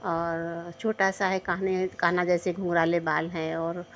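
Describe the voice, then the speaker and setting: A middle-aged woman tells the congregation about her devotional experiences, earnest and full of pauses and restarts. Her voice sits a little low and stays flat in tone. The recording sounds slightly dull and lo-fi. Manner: hesitant, many fillers and restarts. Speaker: devotee sharing a testimony.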